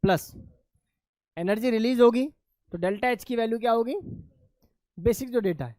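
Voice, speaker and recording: A man's voice: extremely high pitch, moderate pace, a little mellow, dry recording. A male chemistry teacher lecturing in a classroom. He keeps asking his students questions, answers them himself, and calls them "beta".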